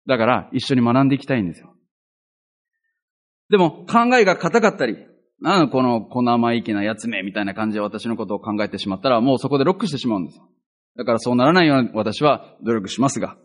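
A man's voice: mid-range voice, animated, fast, long pauses. A male pastor giving a chatty, earnest Bible teaching, with self-deprecating asides.

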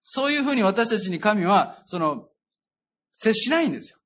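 A man preaching a sermon in an earnest, emphatic way, often pausing on fillers. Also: high-pitched, sing-song, a bit bright, highs cut off. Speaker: pastor.

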